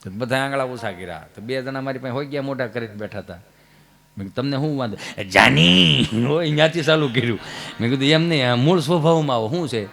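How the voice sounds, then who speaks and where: A man's voice: medium pitch, fast. A man from telling comic stories on a live stage, acting out the characters' dialogue in shifting voices. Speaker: stand-up comedian. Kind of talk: Gujarati folk comedy storytelling. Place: live stage at a religious gathering.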